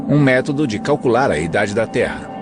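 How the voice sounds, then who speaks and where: A man's voice: mid-range voice, expressive, fairly quick. A man with a Brazilian accent reading scripted documentary narration as a dubbed voice-over. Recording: music under the voice.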